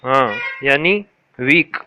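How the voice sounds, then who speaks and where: A man teaching correct Quran pronunciation, patiently repeating words slowly and quizzing a listener. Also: medium pitch, expressive, sharp tone, slight background noise.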